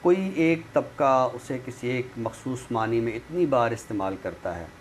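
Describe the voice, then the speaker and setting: With lively intonation and an unhurried pace, a man in a mid-range voice talks as a literary expert guest. His explanations are didactic yet conversational, and he regularly uses tag phrases to confirm the listener is keeping up. The recording is made in a clearly noisy room.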